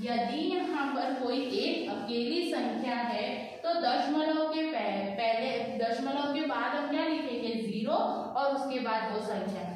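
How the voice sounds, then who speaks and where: High-voiced woman teacher in an echoey room. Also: darkish tone. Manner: asks pupils questions and answers them herself; slows down to read numbers digit by digit. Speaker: school math teacher. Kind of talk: classroom math lesson. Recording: echoey classroom, voice from far off.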